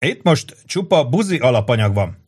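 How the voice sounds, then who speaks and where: Man putting on a jolly bartender, a bit higher, brisk and joking. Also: sing-song, darkish tone, husky. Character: sweaty, cheerful male bartender. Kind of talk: audiobook character voice.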